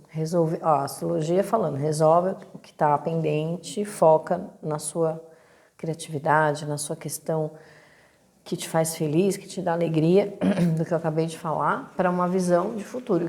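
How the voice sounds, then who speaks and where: A Brazilian woman with a Brazilian Portuguese accent and a lowish voice gives a casual weekly horoscope and tarot reading as an astrology and tarot reader. She's relaxed but hesitant, with lots of fillers and restarts, and clears her throat when her voice catches.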